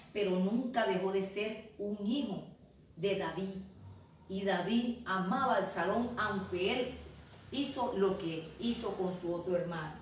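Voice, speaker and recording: A woman pastor preaching a sermon slowly and earnestly, speaking directly to her listeners. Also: medium pitch, far from the mic. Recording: very echoey room, voice from off mic, faint noise.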